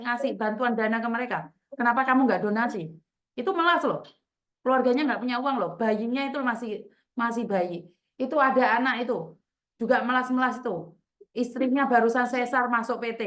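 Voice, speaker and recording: A woman's voice: on the high side, a bit bright. A woman hosting a call-in chat, bluntly scolding a caller with rhetorical questions and repeated endearments. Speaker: host counseling a caller.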